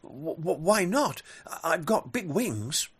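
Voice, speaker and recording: A man's voice: a little high, sing-song, slow, slightly rough, voice pushed up, heavily acted. A man voicing a timid, anxious male bat who stammers and pleads. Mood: pleading.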